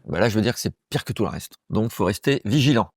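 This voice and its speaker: A man delivering a rambling, slangy comic monologue to camera, crude and excitable, dropping into quick voices. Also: fairly low pitch, husky, no room sound, clean studio sound. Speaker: comedic monologue host. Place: small room, close to camera.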